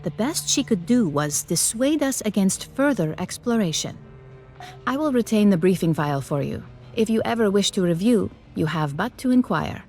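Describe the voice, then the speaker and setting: An actress playing a calm, formal female briefing officer in a video game, speaking in a precise, measured way. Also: mid-range voice, faint music behind, natural voice. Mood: composed. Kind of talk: video game cutscene dialogue.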